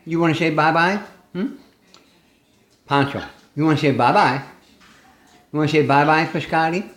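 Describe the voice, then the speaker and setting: A man's voice: on the high side, moderate pace, a bit bright. A man coaxing his pet parrots to talk at home, in a doting, teasing, sing-song way. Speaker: parrot owner. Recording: echoey room recording.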